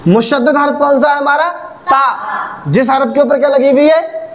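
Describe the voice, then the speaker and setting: Teaching Quran recitation rules on video, this man's extremely high voice keeps a fairly even intonation, with a little hiss or hum in the background. He answers his own questions, goes back over key points, and slows to articulate the letter sounds.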